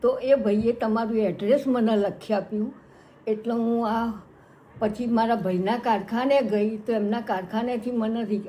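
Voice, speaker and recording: A woman's voice: on the high side, warm tone. Distressed, tearful older woman. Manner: pleading, distressed. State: crying. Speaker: elderly woman seeking an old-age home.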